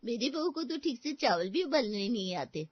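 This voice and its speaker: A woman playing a teasing, sharp middle-aged female friend in a cartoon story, who sounds incredulous. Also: a little high, sing-song, slightly rough, no echo. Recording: dull, dry lo-fi.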